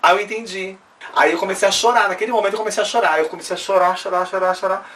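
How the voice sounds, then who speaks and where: A woman's voice: medium pitch, steady tone, very fast, fairly bright tone. A woman tells her life story in an interview, earnest and emotional, often checking in with tag questions. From Brazil. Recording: distant mic with faint room ambience.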